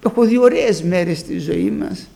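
A man's voice: high-pitched, vocal fry, warm tone. An older man preaching a fervent sermon, repeating phrases and calling out to his congregation as brothers. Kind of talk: Pentecostal sermon with personal testimony.

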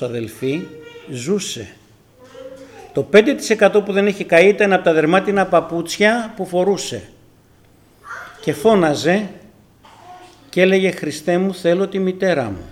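An older man from Greece telling his personal testimony to a congregation, earnest and emphatic, his loudness rising and falling. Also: a little high. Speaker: church member giving testimony.

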